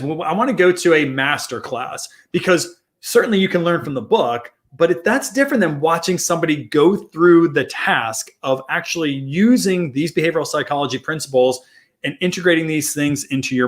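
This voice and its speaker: A man with a fairly high speaking voice explains marketing ideas in a loose, conversational way. He circles back, repeats phrases and restarts sentences as he talks. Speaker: co-host, marketing consultant. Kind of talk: casual podcast chat.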